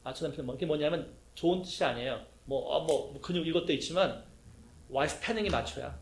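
A middle-aged male pastor preaches a sermon. His voice sits a little high for a man, and he keeps throwing questions to the congregation and acting out little quotes. The room around him rings with echo. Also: brisk. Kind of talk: sermon teaching.

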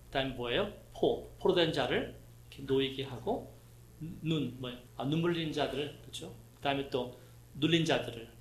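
A middle-aged man preaching a conversational sermon, telling lively personal stories, acting out voices and asking the congregation questions. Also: mid-range voice, reverberant. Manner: lively storytelling, acts out quoted voices, asks the congregation questions. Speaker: pastor.

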